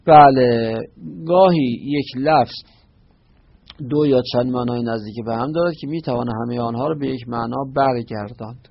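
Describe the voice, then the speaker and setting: On a dull, lo-fi recording, a man delivers a religious lesson with patient explanation, citing short Arabic phrases and then glossing them. His mid-range voice is gravelly and husky, and he keeps cutting off mid-word to restart and self-correct.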